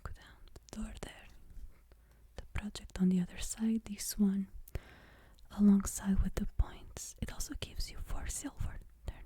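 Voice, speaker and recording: A woman whispers close to the mic in slow, unhurried phrases. Her voice is soft and mellow, and she talks gently, as if showing a board game piece by piece. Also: mid-range voice, little pitch movement, slightly rough. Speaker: ASMR creator. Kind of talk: ASMR.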